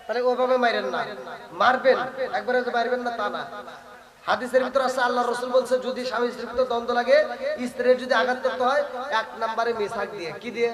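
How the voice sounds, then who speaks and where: A man's voice: very high-pitched, roomy sound, low-quality recording. A male Islamic preacher, delivering a fervent sermon, singing passages and throwing rhetorical questions at his listeners. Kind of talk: Bengali religious sermon with sung chanting.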